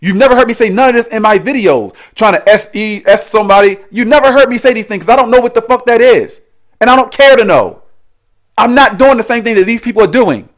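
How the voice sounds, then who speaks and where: High-voiced man ranting combatively. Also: lively intonation, quick pace. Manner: argumentative, repetitive, challenging. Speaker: commentary channel host. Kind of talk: reaction rant.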